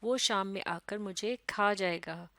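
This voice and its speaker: A woman's voice: medium pitch, unhurried, sharp tone, dry recording. A woman from Pakistan teaching a lesson. She reads a children's story line by line, then explains each line with small hesitations. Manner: slight hesitations with "uh".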